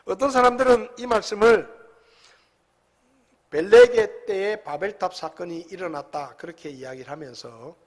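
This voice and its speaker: A man preaching a sermon as pastor in a church sanctuary, talking conversationally, with big swings between loud and soft. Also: high-pitched, normal speed. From South Korea. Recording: long hall reverb.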